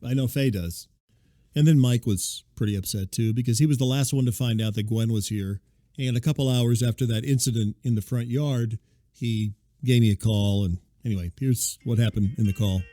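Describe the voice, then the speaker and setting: A man's voice: mid-range voice, normal speed, mellow, no echo, studio quality. A man hosting a scripted comedy podcast, narrating and talking in a mild, apologetic, conciliatory way. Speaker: podcast host.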